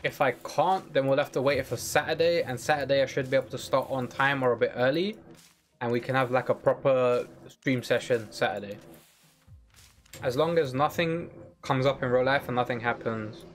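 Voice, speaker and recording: A man's voice: mid-range voice, normal speed, soft background music. A young British man chatting casually on a game live stream, rambling with lots of fillers. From United Kingdom.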